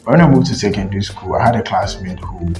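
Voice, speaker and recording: A man's voice: on the low side, fast, soft background music. A young man from Ghana and Nigeria hosting his tech channel, telling his story casually with many fillers and restarts. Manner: relaxed, rambling, frequent fillers and restarts.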